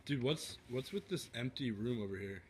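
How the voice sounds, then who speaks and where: A man's voice: medium pitch, animated, moderate pace, slight background noise, close to an everyday voice. A young man playing a polite but skeptical friend who hesitates, stammers and questions what he is shown in a basement. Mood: hesitant, doubtful. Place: cluttered home basement.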